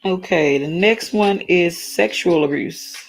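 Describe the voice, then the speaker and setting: A woman's voice: lowish voice, slow pace, soft background music. A tired woman with a slightly worn voice hosts a casual solo talk. She speaks earnestly, halts and restarts, and reads definitions aloud. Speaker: talk stream host.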